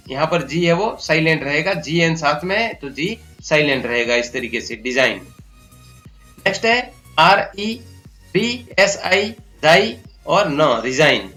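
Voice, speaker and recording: A man with a Rajasthani Hindi accent teaching English pronunciation, slowly spelling out words letter by letter. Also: fairly high pitch, lively intonation, sharp tone, soft background music. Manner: slow, spells out letters one by one. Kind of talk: spoken English pronunciation lesson.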